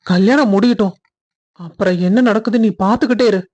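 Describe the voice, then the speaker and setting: A woman's voice: mid-range voice, brisk, darkish tone, husky, close to an everyday voice. A woman voicing a caring young man in a family cartoon, earnest and reassuring. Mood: scheming. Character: young man, caring groom and protective brother figure. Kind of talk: cartoon voice acting.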